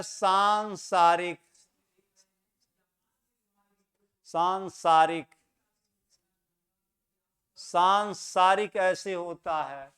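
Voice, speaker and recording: A man teaching a Hindi grammar lesson for exam students, who asks questions and answers them himself and repeats key words slowly to stress their correct pronunciation. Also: high-pitched, a bit bright.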